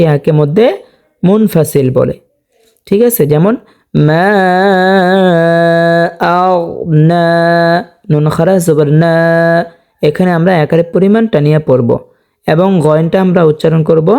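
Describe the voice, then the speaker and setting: A man's gravelly, mellow voice teaches Quran reading, letter by letter. He slows to long drawn-out recitation of the verses, then returns to plain explanation and asks his viewers questions he answers himself. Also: a little high. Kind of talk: spelling-out Quran reading lesson.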